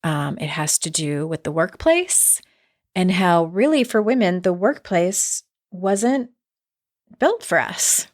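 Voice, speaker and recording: A middle-aged woman hosting a casual solo podcast, candid and conversational, with some vocal fry in her voice. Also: on the low side, big pitch swings, slow. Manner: candid, conversational, with mild swearing. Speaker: podcast host and self-help author.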